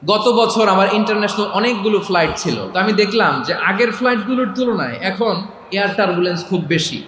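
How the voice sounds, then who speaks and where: A man's voice: high-pitched, animated, roomy sound, background noise. A man preaching a sermon to a large gathering, calling out questions and demanding the crowd answer aloud. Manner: chants the dhikr in a drawn-out sung voice.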